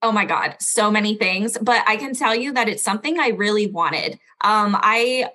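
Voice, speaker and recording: Born in Belgium but speaking with a standard American accent, a young woman tells her story as a guest in a casual interview. Her mid-range voice sounds pushed and bright, and she's chatty, saying "like" a lot and laughing quickly.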